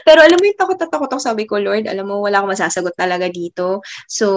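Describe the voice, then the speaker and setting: A young woman in her twenties, a teacher, telling a personal faith story in a casual, chatty way. She laughs often and lets many phrases trail off softly. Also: fairly high pitch. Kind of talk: casual faith testimony vlog.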